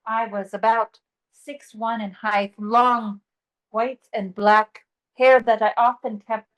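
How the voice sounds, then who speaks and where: A woman channeling an ancient male sage spirit, speaking slowly with humming pauses and casual swearing. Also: on the high side, poor audio. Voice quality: slow, pausing, humming "mm" between phrases. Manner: calm, teasing, swears casually. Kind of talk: channeling session.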